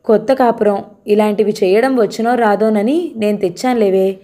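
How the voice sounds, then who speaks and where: A woman voicing a blunt, sharp-tongued older sister in a novel reading. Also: mid-range voice, normal speed, natural voice. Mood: scolding. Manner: blunt, scolding.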